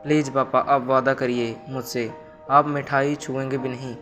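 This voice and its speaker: A man voicing a caring young married daughter in a storybook tale, read in an even, flat manner. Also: medium pitch, normal speed, close to an everyday voice. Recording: music bed underneath. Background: music.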